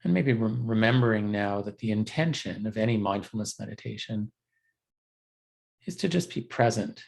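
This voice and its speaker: A man with a lowish, creaky voice leads a body scan meditation, his delivery animated yet gentle and unhurried. As the teacher, he speaks off the cuff, halting with frequent pauses.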